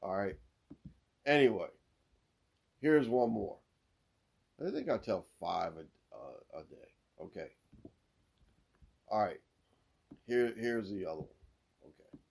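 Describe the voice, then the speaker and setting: A man's voice: on the low side, takes it slowly, gravelly, long pauses, breathy edge. A man hosting a sports podcast, telling corny jokes in a casual way and laughing at his own punchlines. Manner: lively, swings between loud and mumbled. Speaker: podcast host.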